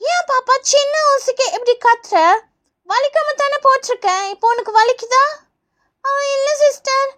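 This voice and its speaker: A woman voicing a patient, gentle school nurse who calms scared children, in a doll play. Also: very high voice, normal speed. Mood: coaxing. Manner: soothing, patient.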